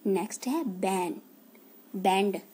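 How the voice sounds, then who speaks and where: Dark-voiced woman teaching spelling slowly. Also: mid-range voice, breathy edge. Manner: spells words letter by letter, explains slowly. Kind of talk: English vocabulary lesson in Hindi.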